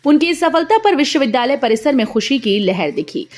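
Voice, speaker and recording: A woman reading a scripted regional news bulletin in a steady, formal voice. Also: sits high, a little fast. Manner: steady formal headline delivery. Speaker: news reader.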